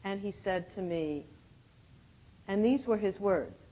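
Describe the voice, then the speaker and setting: A woman in her seventies giving a reflective storytelling talk to a conference audience, often clearing her throat. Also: mid-range voice, slow pace, dark tone, rough recording. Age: 70s. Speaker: conference speaker.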